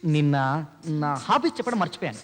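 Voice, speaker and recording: A man's voice: on the high side, lively intonation, brisk, close to an everyday voice. A man playing a playful young poet. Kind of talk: film dialogue. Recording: film soundtrack with reverb and music.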